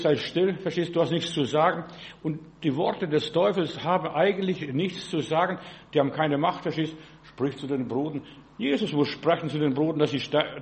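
A man giving a sermon in a folksy, halting way, often asking "verstehst du" and restarting words. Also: on the high side. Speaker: preacher.

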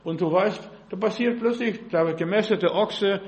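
A man's voice: sits high, a little slow, darkish tone. An older man preaching as a pastor, emphatic and peppered with rhetorical questions to his listeners. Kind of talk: sermon.

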